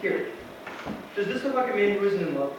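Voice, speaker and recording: An ardent, tender young suitor, played by a man on stage, pleads earnestly at a hurried pace. The sound is distant and noisy, full of theatre echo. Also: high voice, lively intonation, dull audio. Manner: eager, pleading. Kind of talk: stage acting. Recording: echoey theatre, far microphone, noisy.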